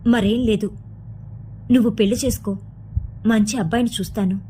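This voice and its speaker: Gentle protective nurse as a woman storyteller plays her, older woman, high voice, soft and reassuring. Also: steady tone, normal speed, a little hiss or hum, close to an everyday voice. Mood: soothing.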